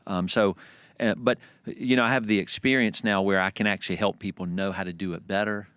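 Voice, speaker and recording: A man's voice: lowish voice, steady tone, fairly quick, a bit bright, clean tone, dry recording. A man in his forties, a guest on a podcast, chatting casually and laughing easily about his accounting work. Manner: easygoing, laughs often, many fillers. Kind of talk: casual interview chat.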